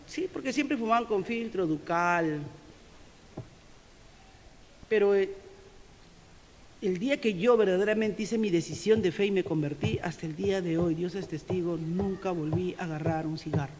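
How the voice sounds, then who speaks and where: A middle-aged woman with a Peruvian Spanish accent preaching a sermon, emphatic, swinging from loud declarations to soft confessional asides. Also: mid-range voice, moderate pace, slight background noise. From Peru. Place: church sanctuary. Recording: long church reverb.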